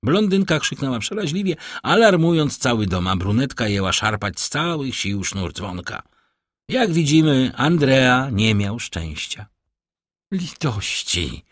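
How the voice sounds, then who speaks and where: A man narrating a classic novel as an audiobook, in an expressive, theatrical way. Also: mid-range voice, measured pace, no echo, clean studio sound. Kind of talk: audiobook reading.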